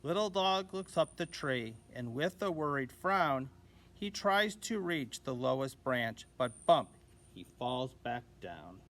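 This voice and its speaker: A man reading a children's picture book aloud as a teacher, gently and expressively, giving the dogs little voices. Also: mid-range voice, sing-song, slow. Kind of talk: children's storybook read-aloud.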